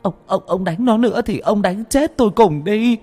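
A man's voice: high-pitched, normal speed, mellow, faint music behind, voice pushed up. A man voicing a desperate middle-aged mother who begs in a stammering wail. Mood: pleading. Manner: wailing, stammering pleas.

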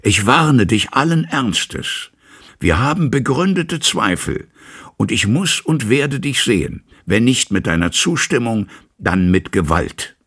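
A man voicing a stern middle-aged male lawyer in a storybook reading, speaking in a raised, commanding, husky voice. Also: extremely low pitch, sing-song, slow pace, exaggerated voice. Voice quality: gravelly, husky. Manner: raised, commanding, forceful when shouting.

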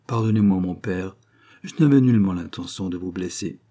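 Heard through a male reader, a mischievous teenage archer pleads and promises with eager warmth. The tone stays low and dark, lightly husky. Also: a little fast. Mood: apologetic. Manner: eager, apologetic, affectionate. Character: spirited teenage male archer, playful and devoted.

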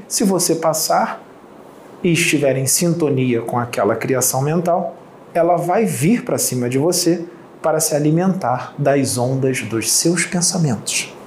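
A man giving a channeled spiritual teaching as a medium, piling up repeated phrases and rhetorical questions and clearing his throat often. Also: a little high, darkish tone. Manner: repetitive lists and rhetorical questions. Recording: roomy echo, faint background noise.

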